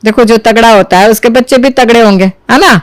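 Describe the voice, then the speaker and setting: A woman's voice: on the high side, fairly quick, no room sound, lightly acted. A woman voicing a coaxing cartoon mother. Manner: coaxing, reasoning. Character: practical middle-aged mother.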